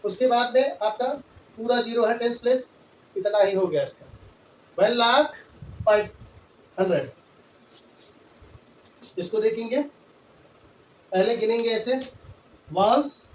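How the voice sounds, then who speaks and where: A man's voice: high voice, a little slow, pauses often, slight background noise. A man teaching a maths lesson in Hindi-English mix, patiently counting out place values step by step. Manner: patient, repetitive counting aloud. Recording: echoey room, voice from far off.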